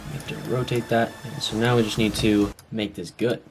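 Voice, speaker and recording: Lower-voiced man commentating his build. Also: fairly quick, noisy background. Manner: relaxed, talks to viewers while working. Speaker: YouTuber building on screen. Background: loud background music.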